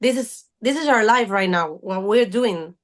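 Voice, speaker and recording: A woman in her thirties, a fitness coach appearing as a podcast guest, talks in a casual interview style. Her voice sits at medium pitch and moves at a moderate pace. She speaks earnestly, often searching for the right words.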